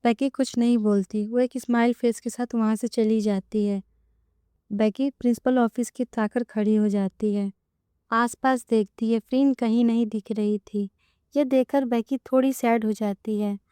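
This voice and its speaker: A woman narrating a romance story in an even, storytelling way. Her voice is slightly high yet mellow, smooth and clean. It is recorded close and dry. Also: a little slow, no room sound.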